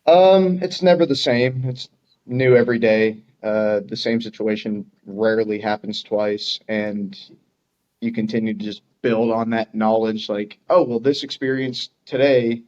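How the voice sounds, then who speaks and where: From Dayton, Ohio, this American air traffic controller speaks in a fairly low, darkish voice with fairly even intonation and an unhurried pace, and the recording is muffled. He's a podcast guest in casual chat, easygoing, plain-spoken and loose in his phrasing.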